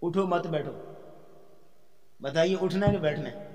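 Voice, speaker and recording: A man lecturing as a Quran teacher in a hall with a long, lingering reverb. His voice sits a little high for a man. He explains step by step, quizzes his class and slows down to chant verses. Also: darkish tone. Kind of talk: tafsir lecture.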